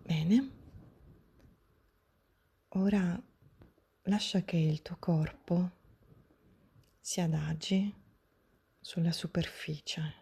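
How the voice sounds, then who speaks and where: A woman softly whispering a guided breathing meditation, gentle and soothing, step by step with long pauses, in a breathy, hushed spa-like voice. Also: lowish voice, fairly even intonation. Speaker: guided breathing and relaxation instructor.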